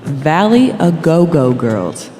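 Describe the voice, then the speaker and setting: In a scripted audio story read over music, a woman voices Freya, the blunt, teasing, observant girlfriend in the passenger seat, in a casual, matter-of-fact way. She uses a full character voice that sits low, warm and very animated, taking it slowly. Long reverberation lingers under the music.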